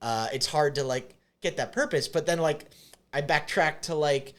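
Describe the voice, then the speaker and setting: A man's voice: fairly high pitch, moderate pace. A man co-hosting a podcast, talking in loose, rambling sentences with many fillers and restarts. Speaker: podcast co-host. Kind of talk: casual chat.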